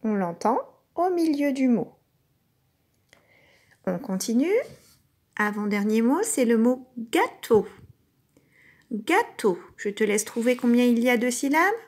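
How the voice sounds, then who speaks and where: A woman teacher giving a recorded lesson to young children, speaking patiently and sounding out each syllable clearly. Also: fairly high pitch, expressive, takes it slowly, pauses often, a little mellow. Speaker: kindergarten teacher.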